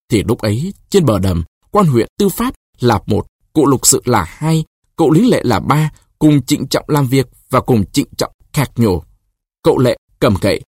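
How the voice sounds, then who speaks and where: A man narrating a short story in an expressive, deliberate reading. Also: medium pitch, breathy edge, no room sound, studio quality.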